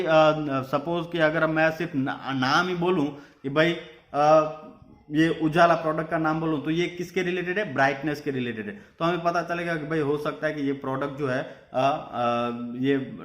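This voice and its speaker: Young male teacher giving a classroom business lecture, steady explaining manner. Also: mid-range voice. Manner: mixes Hindi and English, repeats points with "ठीक है".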